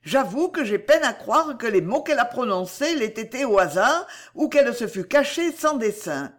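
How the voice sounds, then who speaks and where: A woman voicing a distressed young lady who is proud and wounded, speaking high and pleading. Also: big pitch swings, normal speed. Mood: indignant. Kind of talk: audiobook reading.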